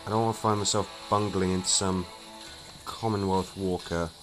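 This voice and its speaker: With a low pitch, steady tone and moderate pace, a streamer gives easygoing let's-play commentary on a turn-based game. He thinks out loud and sometimes trips over a word, and the low-quality recording has clear game music playing underneath.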